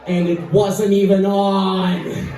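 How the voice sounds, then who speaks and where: A man voicing an indignant, boastful male rescue dog who rants and shouts with scorn, on a stand-up stage. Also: high voice, level tone, slow, a crowd in the background. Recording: echoey room from far off. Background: audience laughing.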